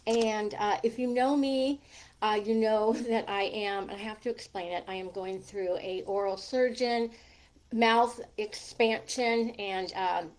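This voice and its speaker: A woman's voice: medium pitch, steady tone, unhurried, poor audio. A middle-aged or older woman with a lisp and whistling s, chatting casually and informally to viewers as a coach hosting a livestream, with rambling asides. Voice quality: lisp with whistling, slushy s from a gap in her teeth.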